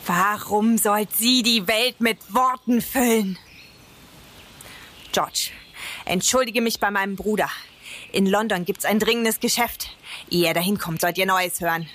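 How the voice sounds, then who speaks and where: A woman's voice: mid-range voice, a little slow, long pauses, fairly bright tone, natural voice. A woman playing a bitter, ambitious, misshapen young nobleman in theatrical classical verse. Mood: cold, scheming. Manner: theatrical, scheming, brooding. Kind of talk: classical stage verse acting. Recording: clearly noisy ambient background.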